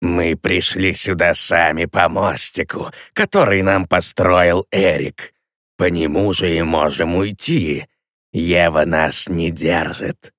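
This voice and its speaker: A sated male demon speaks low, slow and quiet, coolly indifferent, as the narrator puts him on. The voice drops below the reader's own and is recorded close and dry. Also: fairly even intonation, no echo, heavily acted. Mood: calm. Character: calm, low, well-fed male demon.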